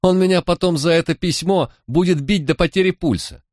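A man's voice: sits high, brisk, a little mellow, no room sound, clean studio sound, voice pushed up, close to an everyday voice. A man putting on a sulky young thief girl. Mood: defiant whining. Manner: sulky, defiant slangy back talk. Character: streetwise young woman thief, sulky and stubborn.

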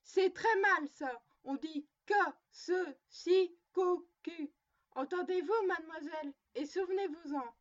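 A woman's voice: extremely high pitch, takes it slowly, muffled recording. A woman voicing a little girl who scolds her doll in a stern, motherly way. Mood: scolding.

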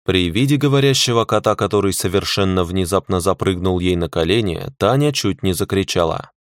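A man's voice: deep voice, a little fast, clear, resonant tone, no echo, clean studio sound. A man narrating an audiobook in the first person, wry and matter-of-fact.

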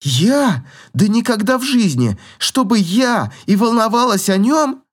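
Man doing a young noblewoman, high raised voice, huffy, indignant, storybook reading. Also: moderate pace, lightly acted. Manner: indignant, squealing protests. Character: haughty proud young noblewoman, quick to huff.

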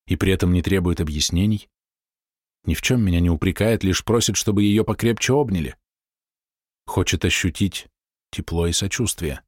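A man's voice: low voice, darkish tone, no echo, clean studio sound. A man narrating a first-person novel as an audiobook, reading expressively and with feeling.

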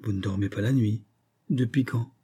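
A man's voice: on the low side, moderate pace, husky. A man voicing an anxious, kindly young woman who gossips and fusses over her friend, in an audiobook reading. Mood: tender concern. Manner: fretful gossiping, gently fussing.

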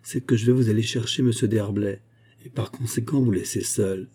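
A man's voice: lowish voice, steady tone, normal speed, dark tone, husky. A man reading as a shrewd, courteous male musketeer captain who stays polite and evasive, in an audiobook.

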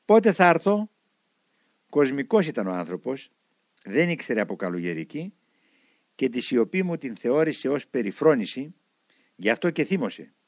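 Expressive male audiobook narrator. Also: medium pitch, no echo. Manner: expressive storytelling. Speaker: audiobook reader. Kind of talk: audiobook narration of a monk's memoir.

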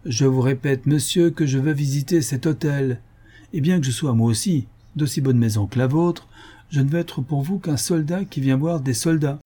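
A man's voice: mid-range voice, moderate pace, dark tone, husky, voice pushed up, lightly acted. A man reading aloud and voicing a brusque, impatient soldier-tsar in a raised voice. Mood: impatient, commanding. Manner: curt, commanding, impatient.

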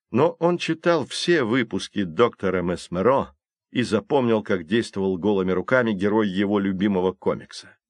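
A man narrating an audiobook in a steady, expressive reading. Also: mid-range voice, no echo, studio quality. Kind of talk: scripted narration.

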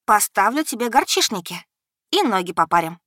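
A woman voicing a lively, caring young heroine with eager, animated speech. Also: mid-range voice, brisk, no room sound, studio quality, close to an everyday voice.

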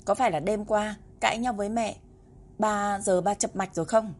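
A woman's voice: medium pitch, dark tone, close to an everyday voice. A woman voicing a clever little boy who fakes a tearful, panicked plea on a phone call in a storybook reading. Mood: tearful pleading. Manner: pleading, sobbing, rapid.

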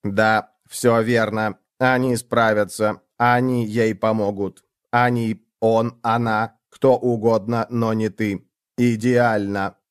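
A mocking, cold-hearted ship computer, scornful and needling in a smooth, resonant voice, as a man reads it out. Its tone sits in a middling register and sounds dry and close for an audiobook. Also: fairly low pitch, flat delivery, slow pace, no room sound. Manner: needling, sarcastic interrogation.

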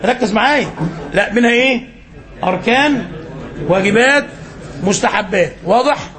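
A man's voice: high voice, normal speed, a crowd in the background. A man with an Egyptian accent teaching an Islamic lesson as a sheikh, quizzing his listeners and repeating phrases for emphasis. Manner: quizzing listeners and filling in answers.

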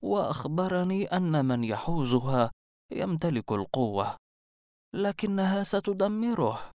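A man voicing a mysterious old woman hermit, slow and scornful, in a storybook reading. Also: on the low side, lively intonation, mellow, no room sound, studio quality, voice pushed up. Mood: ominous. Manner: slow, mocking, ominous delivery.

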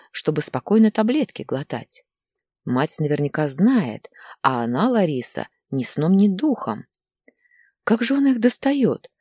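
A woman narrating an audiobook story in an expressive storytelling manner. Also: deep voice, breathy edge, no room sound, clean studio sound. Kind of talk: scripted narration.

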